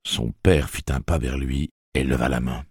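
A man narrating a novel aloud in a measured, dramatic storytelling manner. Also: very deep voice, fairly even intonation, breathy edge, dry recording, studio quality. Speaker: audiobook narrator.

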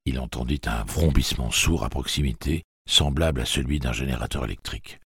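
A man reading a novel aloud as the narrator, in a steady, expressive way. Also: a bass voice, brisk, husky, no room sound, clean studio sound. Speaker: audiobook narrator. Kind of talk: scripted narration.

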